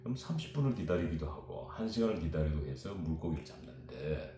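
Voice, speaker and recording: A man in his fifties from South Korea, telling childhood stories in a rambling, animated way as a guest. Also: a bass voice, quick pace, a little hiss or hum. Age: 50s. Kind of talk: storytelling chat. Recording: very echoey room with music behind.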